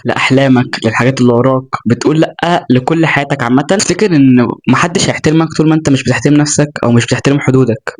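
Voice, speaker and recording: A young self-improvement vlogger with an Egyptian Arabic accent gives a casual motivational talk to camera, earnest and chatty with joking asides. His voice is mid-range and a little mellow.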